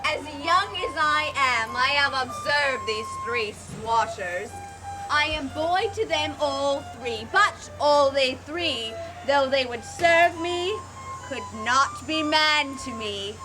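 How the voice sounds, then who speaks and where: Woman acting a high-voiced, cheeky olde-speech serving boy. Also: animated, over music, poor audio. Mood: wry, scornful. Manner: deliberate, mocking, theatrical. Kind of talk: olde-speech Shakespearean stage monologue at a Renaissance fair.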